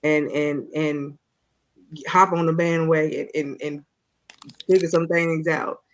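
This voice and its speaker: A female radio show host gives a faith-based motivational talk in a preachy style, repeating phrases and checking in with listeners. Her voice is low and steady, and she speaks slowly.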